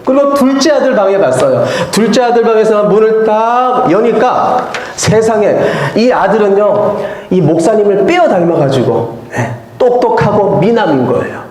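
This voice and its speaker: A male pastor delivers a sermon in a fairly high voice, telling a story and putting questions to his congregation. The sound is heavily echoey, as in a large church sanctuary. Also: big pitch swings, moderate pace, hardly any pauses, darkish tone.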